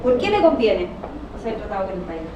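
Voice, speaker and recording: An economics lecturer teaches a class in a didactic style, frequently checking that students are following with short tag questions. She has a mid-range, sing-song voice and talks fast. The recording is dull, made from a distance in an echoey classroom with a noisy background.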